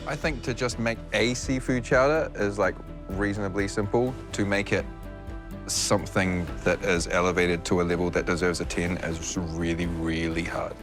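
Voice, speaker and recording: New man, dinner guest on a cooking show, lowish voice, serious and measured, music under him. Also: fairly even intonation. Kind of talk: reality TV interview aside. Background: background music.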